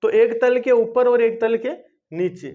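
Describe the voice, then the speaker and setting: In a dull, lo-fi video lesson, a man with a very high, mellow voice teaches chemistry at a slightly slow pace. He poses questions and answers them himself, coaxingly repeating his points.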